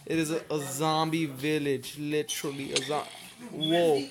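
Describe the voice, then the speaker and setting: A man casually commentating his own gameplay, excitable and quick to swear as he reacts aloud. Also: fairly high pitch, over music. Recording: noisy home recording.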